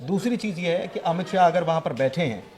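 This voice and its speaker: A man analysing news in a studio discussion, emphatic and explanatory, often pausing to hesitate. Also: a little high, animated, a little mellow.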